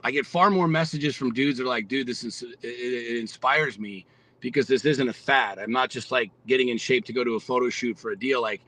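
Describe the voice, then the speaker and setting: A man's voice: medium pitch, a little fast, fairly bright tone, poor audio. A man in his forties, a podcast guest, talking bluntly and with lots of profanity in a fired-up, motivational way. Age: 40s. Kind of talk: casual podcast conversation.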